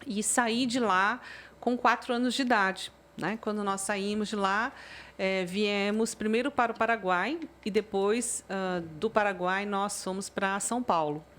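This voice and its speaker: A woman who grew up in Brazil after a childhood in Taiwan, with Chinese as her first language, talking through her life in a relaxed interview and tagging her sentences with "né?". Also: mid-range voice. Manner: thoughtful, frequent "né?" tag questions and filler pauses. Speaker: interviewee, university music professor.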